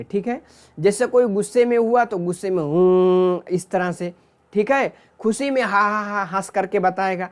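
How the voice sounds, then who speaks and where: Male teacher lecturing, checks in often. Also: sits high. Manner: explains step by step, keeps checking in with "ठीक है"; glosses terms across Urdu, Hindi and English. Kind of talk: exam-prep lecture.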